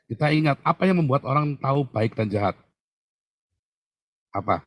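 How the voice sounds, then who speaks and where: A man's voice: mid-range voice, animated, moderate pace, no room sound. A male pastor answering a Bible question, teaching through emphatic questions he puts to his listener.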